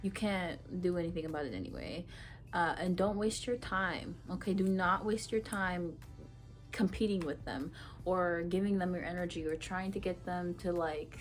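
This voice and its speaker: A woman from Ethiopia giving a casual tarot reading to camera, talking frankly in a chatty way with many fillers. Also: on the low side. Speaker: tarot reader.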